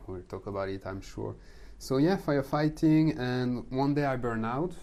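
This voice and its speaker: A middle-aged French man with a French accent, speaking as a podcast guest in a calm, thoughtful way, sometimes searching for words. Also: medium pitch, moderate pace. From France. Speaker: guest, manifestation coach. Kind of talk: podcast conversation.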